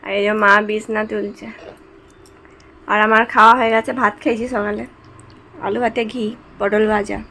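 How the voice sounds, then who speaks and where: A woman's voice: mid-range voice, flat delivery, moderate pace, long pauses, bright, forceful tone, poor audio. A woman chatting to her viewers as friends in a casual home vlog, filmed at home. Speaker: vlogger.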